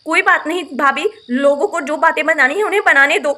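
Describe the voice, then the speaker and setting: An outspoken young bride in a doll story, voiced by a woman, blunt and argumentative. Her voice is very high and bright. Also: a little fast. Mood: indignant. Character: outspoken young bride, sharp-tongued and proud.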